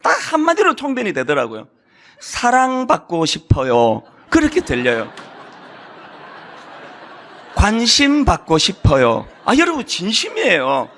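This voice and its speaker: Animated, bright-voiced male pastor preaching. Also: very high-pitched. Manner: animated storytelling with acted quotes and sudden hushed drops. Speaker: senior pastor. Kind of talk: sermon. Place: church sanctuary.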